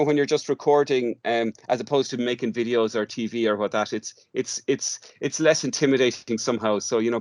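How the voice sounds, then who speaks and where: Clean studio audio with no room sound captures a man's mid-range voice. He's a drama workshop facilitator describing his work as an informal interview guest, restarting and repeating words frequently.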